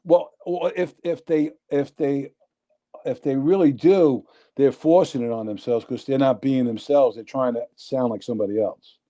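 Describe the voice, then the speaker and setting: As a guest on a relaxed chat show, a sixty-something man with a thick New York accent tells long, meandering stories with lively energy. His middle-pitched voice is dark and mellow, never bright, and moves at a moderate pace.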